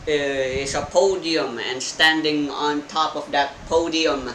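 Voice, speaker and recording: A man narrating a tabletop game as game master, halting and full of fillers. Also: fairly high pitch, steady tone, sharp tone, reverberant, slight background noise, poor audio.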